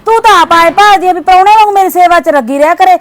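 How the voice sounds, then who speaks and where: A woman's voice: very high voice, rapid-fire, a bit bright, slight background noise. A woman playing a cold, nagging daughter-in-law who scolds and dismisses her mother-in-law. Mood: grumbling. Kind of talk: village short-drama acting.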